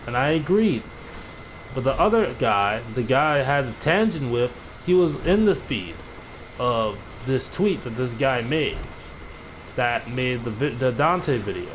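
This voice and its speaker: A man's voice: medium pitch, a little hiss or hum, rough recording. Rambling, profane gamer man. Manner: rambling, profane, restarts often. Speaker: gaming video creator. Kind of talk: casual gaming rant.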